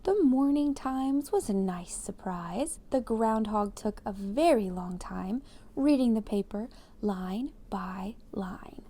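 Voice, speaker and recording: Taking her time in a medium-pitched voice, an American woman leads a read-aloud for kids. She talks straight to her young audience, reading and explaining with lots of animation.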